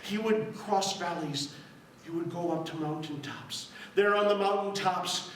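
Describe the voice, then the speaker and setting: A man telling a story at a live event, expressive and drawn out. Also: sits high, measured pace, a little hiss or hum. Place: event hall. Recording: echoey hall from far off.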